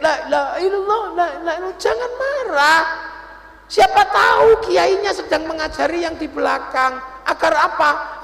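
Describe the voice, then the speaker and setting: A preacher giving a lively, animated storytelling sermon. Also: male voice, very high voice, creaky. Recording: echoey hall, long reverb.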